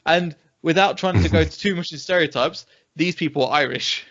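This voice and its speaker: A young man from England with a British accent, telling lively anecdotes as a podcast co-host in casual chat. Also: fairly high pitch, a little fast. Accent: British English. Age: young adult. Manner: animated anecdote-telling, acts out quoted reactions. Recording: dull lo-fi podcast audio.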